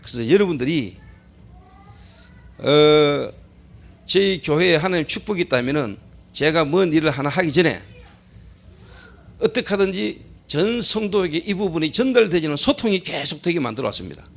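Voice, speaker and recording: A middle-aged pastor preaches in a high, gravelly voice that swings widely up and down. He keeps asking rhetorical questions and answering them himself. He hammers his points home by repeating them. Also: expressive, normal speed, pauses often. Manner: emphatic, repeats key phrases. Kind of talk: sermon. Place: church service.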